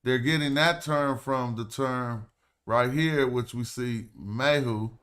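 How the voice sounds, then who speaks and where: A man's voice: medium pitch, takes it slowly, a bit bright, clear, resonant tone. A man hosting a casual livestream, talking loosely and thinking aloud as he walks through ancient Egyptian words. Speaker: host. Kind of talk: casual livestream walkthrough of hieroglyph texts.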